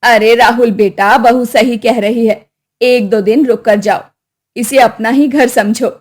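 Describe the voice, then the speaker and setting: A woman voicing a meek, gentle old mother-in-law in a storybook tale, speaking softly and pleadingly. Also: fairly high pitch, fairly even intonation, measured pace. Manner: soft, pleading.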